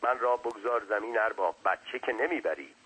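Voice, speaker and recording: A man's voice: lowish voice, sharp tone, slightly rough, rough recording. A man voicing a small, talkative non-human servant who speaks deferentially and lectures at length. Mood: chatty.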